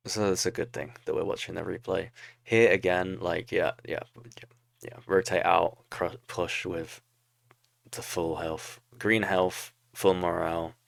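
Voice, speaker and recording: A young man with a low, gravelly voice talks through a replay of his own strategy match, picking apart his mistakes and laughing at himself. His voice sounds dry and close, with no room around it. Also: little pitch movement, unhurried, dry recording. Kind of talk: casual game commentary.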